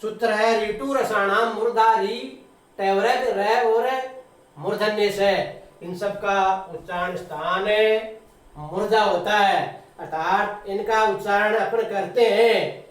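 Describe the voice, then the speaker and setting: A man with a fairly high voice gives a lesson, pronouncing each sound slowly and with care. He stands back from the mic, and the room rings with heavy echo. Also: steady tone, recorded from a distance. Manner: slow, deliberate, spelling out sounds one by one. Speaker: teacher. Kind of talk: spoken grammar lesson. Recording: very echoey room, voice away from the mic.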